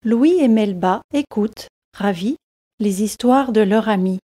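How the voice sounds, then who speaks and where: A woman narrating a story for language learners in a calm, evenly paced, scripted reading. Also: medium pitch, measured pace.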